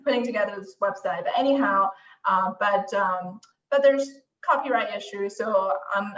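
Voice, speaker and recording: In casual conversation, a guest who built a language website, with Mandarin as her first language, pokes fun at herself and keeps restarting sentences. Her voice is medium-pitched with a fairly bright tone, recorded with a distant, roomy, dull lo-fi quality.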